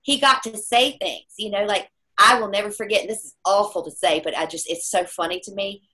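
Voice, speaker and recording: A woman's voice: mid-range voice, a little fast. A middle-aged woman telling a personal story in conversation, acting out the voices of the people she quotes. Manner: animated storyteller who acts out quoted voices.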